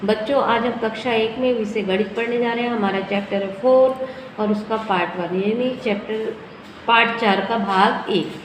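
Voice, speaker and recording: A woman teacher, her voice pitched a little high, leads young children through simple sums. She counts aloud slowly and answers her own questions. The recording rings with a long hall echo over faint background noise. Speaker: primary school teacher. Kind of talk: teaching a first-grade maths lesson.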